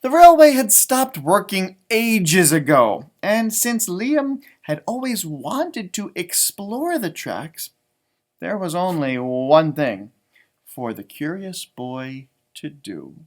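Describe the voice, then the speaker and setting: Speaking slowly in a high voice, a male teacher reads a storybook to children with plenty of expression. Along the way he drops in casual, simple explanations of the words and pictures.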